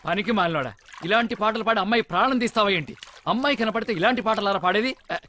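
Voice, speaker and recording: A man's voice: high-pitched, fast talker, sharp tone, slight background noise. An actor dubbing a know-it-all male sidekick who is bossy and mocking and rattles off comic lists, in a dubbed film comedy scene.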